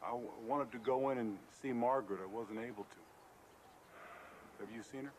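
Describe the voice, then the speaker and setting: An actor playing a remorseful, withdrawn man, halting and reticent, in a film drama. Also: medium pitch, a little mellow, a little hiss or hum, lightly acted. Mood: remorseful, resigned. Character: remorseful, withdrawn man leaving home after a trial. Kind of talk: naturalistic film drama acting.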